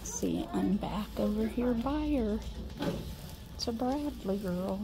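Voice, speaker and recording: Holding her phone as she browses a large indoor store, a chatty woman with a Midwestern American accent vlogs casually, often slipping into a whisper. Her mid-range voice is animated but slow, and the recording is rough in this shop-with-me chat.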